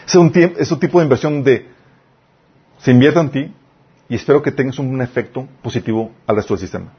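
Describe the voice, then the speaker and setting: A man gives a sermon in a husky voice. He reads scripture aloud and stops to explain it and put questions to his listeners. The recording sounds a little dull. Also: mid-range voice, brisk. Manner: addresses the audience as "chicos", asks them questions. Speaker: preacher.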